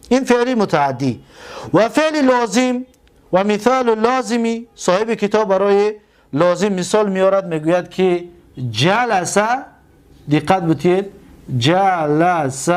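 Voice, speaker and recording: A man with a high voice teaches a grammar class. He stretches each example word out slowly and repeats it. Then he quizzes the room and answers his own questions. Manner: slow drawn-out repetition of example words; asks the class questions and answers them himself. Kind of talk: Arabic grammar lesson.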